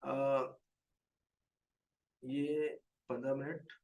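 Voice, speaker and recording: A man's voice: mid-range voice, level tone, very slow, gravelly, a little mellow, recorded from a distance. A man with an Indian accent teaching a live trading lesson, explaining a chart and answering viewers by name.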